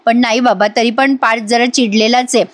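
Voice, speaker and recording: A woman's voice: a little high, steady tone, fairly quick. A woman recapping a TV serial episode in voice-over, chatty and amused, speaking straight to her viewers. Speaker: TV serial reviewer.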